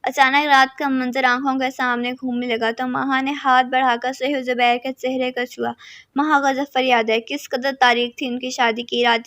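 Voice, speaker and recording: A woman narrating a romantic novel as an audiobook, reading every character in the same steady narrating voice. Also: high voice, no echo.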